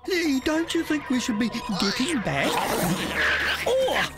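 A woman's voice: sits high, very animated, slow pace, exaggerated voice. A woman voicing a timid, fussy, anxious bug creature in a children's cartoon, fretful in manner. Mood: worried. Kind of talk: animated children's cartoon acting. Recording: music behind the voice.

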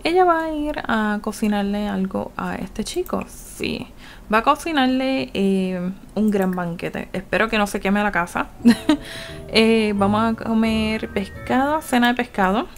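A woman's voice: mid-range voice, unhurried, slight background noise. A woman with a Puerto Rican Spanish accent giving casual, chatty gameplay commentary, laughing often and voicing her game characters. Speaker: gaming YouTuber.

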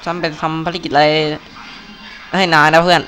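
This young gaming channel host has a slightly high, bright, forceful voice, keeping a steady tone at normal speed. During his live Let's Play, recorded on a home mic over the gameplay, he chats playfully, cracking jokes and exclaiming as he plays.

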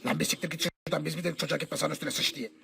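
A man voicing a stern, crude school authority figure who threatens pupils haltingly in a comic parody film dub. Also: on the high side, steady tone, vocal fry, bright, forceful tone, soft background music, exaggerated voice. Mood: stern, threatening.

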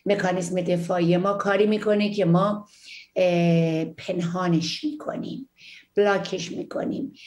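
A woman psychologist on a call-in TV show, warmly reassuring viewers and calling them dear. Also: lowish voice, reverberant. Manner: warm, reassuring, uses terms of endearment. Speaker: psychologist answering viewer questions. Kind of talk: call-in TV advice talk.

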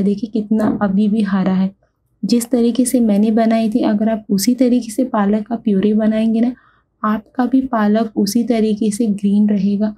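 A woman talks viewers through a recipe in a voice-over, step by step. Her voice is mellow and a little husky. She explains each stage in a steady, instructive way. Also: medium pitch, rough recording. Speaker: cooking instructor. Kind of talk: voice-over cooking tutorial.

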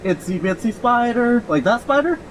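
A man's voice: very high voice, very animated, normal speed. A man chatting casually as a prankster from inside a car at a drive-thru window. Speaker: prank video magician. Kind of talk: casual candid prank banter. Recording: noisy outdoor car recording, vehicle hum.

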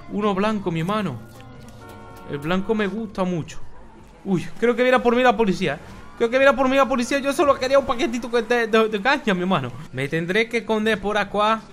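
A man's voice: sits high, a bit bright. A man voicing a stoned, rambling drug-addict character who swears a lot, as comic commentary over gameplay. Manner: rambling, swearing, keeps calling people "my brother". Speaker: gaming YouTuber in character.

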